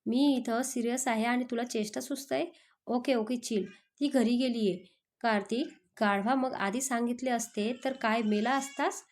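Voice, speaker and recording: A short-fused young male boss, voiced by a woman narrator in a storybook. He snaps and shouts in exasperation, in a slightly high voice. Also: steady tone, moderate pace, lightly acted. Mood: exasperated. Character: hot-tempered young male office boss.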